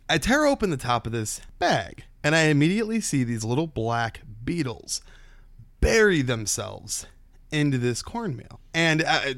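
In a medium-pitched, somewhat bright voice, this podcast host spins a folksy, laid-back yarn and likes building suspense. The audio is dry, carrying almost no room ambience.

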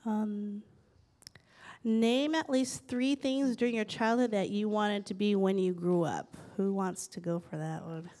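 A woman's voice: medium pitch, fairly even intonation, a little slow, dark tone. A woman facilitating a casual group sharing session, prompting people in an encouraging, upbeat way.

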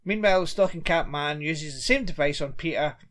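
A man's voice: on the high side, a bit bright. A man, chatting casually and rambling a little as he recaps a TV episode as a podcast co-host. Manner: chatty, rambling, quick to laugh.

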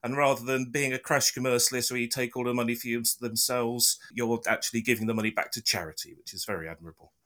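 Bright-voiced man hosting with jokes. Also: mid-range voice, little pitch movement, quick pace, hardly any pauses. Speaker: podcast host. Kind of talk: casual chat.

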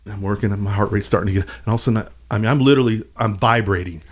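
A man telling lively stories in a casual chat, acting out his own reactions as he goes. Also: lowish voice, very fast. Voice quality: animated, expressive delivery. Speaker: podcast guest.

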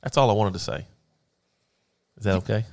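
A man's voice: on the low side, brisk, vocal fry, darkish tone. A man in his forties co-hosting a podcast, joking in a wry, mock-defensive way into a podcast microphone. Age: 40s. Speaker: podcast co-host. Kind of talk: casual banter.

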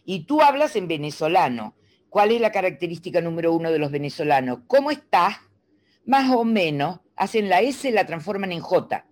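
A middle-aged woman from Argentina, a speech coach explaining diction in a teacherly, animated way and demonstrating sounds. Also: fairly low pitch, fairly quick. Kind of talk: interview guest explaining.

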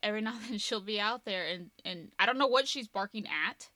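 A woman's voice: medium pitch, expressive, fairly quick, bright, forceful tone, dry recording. A woman co-hosting a podcast in casual chat, talking loosely, laughing often and filling her speech with "like". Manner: chatty, laughs often, says "like" a lot. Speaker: podcast co-host.

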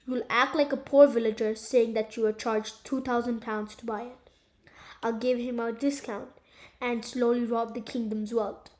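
A scheming prime minister hatches a plot, voiced by a woman. The delivery is theatrical and commanding, pitched a little high. It comes from an amateur radio-play reading. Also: darkish tone. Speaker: voice actor.

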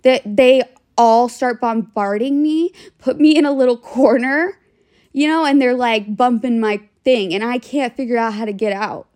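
Giggly chatty young woman with a high voice. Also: moderate pace, a little mellow. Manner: giggly, chatty, swearing, laughs often mid-sentence. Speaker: podcast host. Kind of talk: casual storytelling.

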